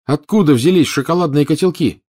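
A male narrator raises his voice into an exasperated teenage boy wizard, impatient and incredulous. The voice sits noticeably higher and louder than the storyteller's own, with lively, lifted phrasing in a storybook reading. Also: fairly quick, natural voice. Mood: angry.

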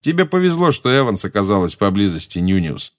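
A man voicing a cocky, showy teenage boy who shouts brashly in an audiobook reading. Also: on the low side, sing-song, brisk.

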